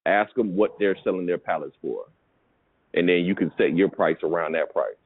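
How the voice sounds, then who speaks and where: Over a thin phone line, a man with a husky, low-pitched voice talks at a moderate pace with no echo. He coaches a caller on the pallet business, keeping it conversational and often pausing to confirm he's understood.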